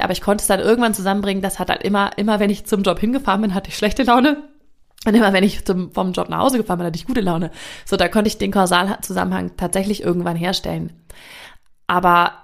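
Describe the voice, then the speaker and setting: Female podcast host, own voice, mid pitch with plenty of gravelly fry; candid, musing self-help monologue, casual and a little salty. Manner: frank, reflective, swears casually.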